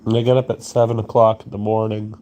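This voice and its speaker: A man's voice: lowish voice, flat delivery, a little fast, mellow, slight background noise. A sleepy young man rambling crudely through a late-night monologue, yawning and meandering. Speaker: streamer.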